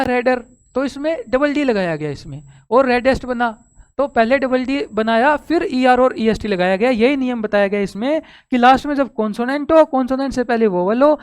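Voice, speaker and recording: A teacher with an Indian accent explaining a grammar lesson step by step, asking and answering her own questions and reading the rules out slowly. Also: mid-range voice, smooth. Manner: reads English rules slowly from a text.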